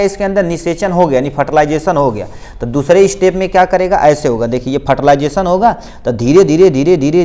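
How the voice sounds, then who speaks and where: A man's voice: on the high side, mellow. A man teaching a school biology lesson, explaining step by step and often checking in with his students. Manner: explains step by step, repeating key points with frequent checks of "theek hai". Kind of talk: class 10 board exam biology lesson.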